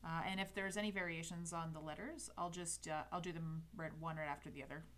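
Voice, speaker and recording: She talks fast, her low voice fairly even and her tone fairly bright, with a little hiss or hum underneath. A woman in her thirties with a Canadian accent, she casually teaches a calligraphy livestream, rambling, interrupting herself, correcting as she goes and laughing lightly. She's wearing a headset at her indoor home desk studio.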